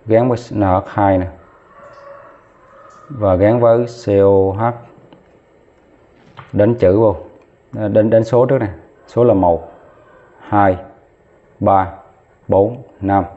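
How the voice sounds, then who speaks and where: A male chemistry teacher with a fairly low voice works through each step, counting out loud and stopping to fix his own slips. The sound is thin and tinny, as if through a phone. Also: fairly even intonation, slow, pauses often. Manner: talks while writing, counts aloud, corrects himself mid-step. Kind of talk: lesson at a whiteboard.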